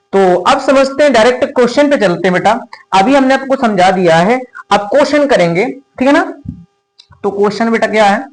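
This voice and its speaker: A man with a high voice teaches a maths class, explaining step by step. He keeps calling his students "beta" and checking whether they follow. His stays steady throughout. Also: rough recording. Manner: calls students "beta", checks understanding often.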